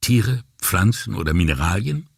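A man's voice: low-pitched, sing-song, moderate pace, vocal fry, breathy edge, no echo, clean studio sound, full character voice. A man voicing a dryly polite police commissioner. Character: calm, politely ironic male police commissioner. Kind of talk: audiobook character voice.

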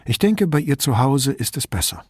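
A man voicing a calm, practical female police officer in an audiobook, speaking in a matter-of-fact, decisive way. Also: mid-range voice, moderate pace, husky, dry recording, studio quality, voice pushed up.

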